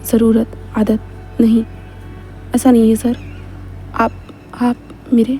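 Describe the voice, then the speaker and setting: A woman's voice: a little high, level tone, takes it slowly, mellow, faint music behind. A woman voicing a playful, stubborn young male student who often stammers in his replies. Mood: shy.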